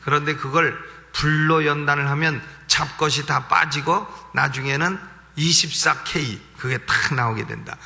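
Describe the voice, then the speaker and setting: A man's voice: fairly high pitch, unhurried, creaky, bright, forceful tone. A male pastor giving an expository sermon, emphatic, repeating key phrases and asking rhetorical questions. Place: church sanctuary. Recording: long church reverb.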